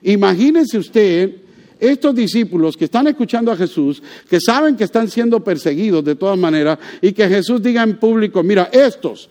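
A man's voice: high voice, warm tone. A man preaching a sermon, conversational, asking the congregation rhetorical questions and joking lightly. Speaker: pastor.

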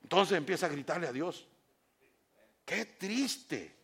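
A man with a high-pitched voice preaches a sermon to his congregation. He rises to near-shouts, then drops low and quiet, and keeps asking the room direct questions. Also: expressive, slow, husky. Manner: preaching with big swings from shouting to hushed tones. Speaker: pastor. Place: church.

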